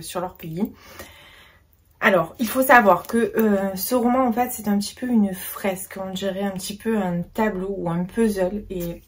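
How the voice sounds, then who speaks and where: A woman's voice: mid-range voice, slightly rough. A woman talking casually about books in a reading vlog, chatty with many fillers and restarts. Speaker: book vlogger.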